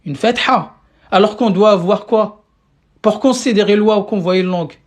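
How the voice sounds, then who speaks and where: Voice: medium pitch, moderate pace. A teacher running a live online class through a phone or computer mic. The delivery is patient and questioning, with frequent checks on whether everyone follows. Words often come out repeated as the next phrase is found. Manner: keeps asking the class questions and checking understanding. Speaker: Arabic teacher. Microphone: phone or computer mic on a live stream.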